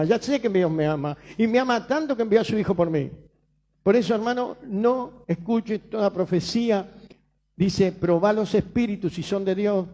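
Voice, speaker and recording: Male pastor, Rioplatense accent, high mellow voice, emphatic sermon delivery with rhetorical questions. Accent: Rioplatense Spanish. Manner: emphatic preaching, repeats phrases, rhetorical questions.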